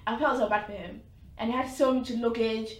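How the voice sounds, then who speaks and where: A woman, co-hosting a podcast and retelling a story in an animated way with quoted voices. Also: a little high, brisk, recorded from a distance. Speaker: podcast co-host. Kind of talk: casual chat, storytelling. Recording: echoey room.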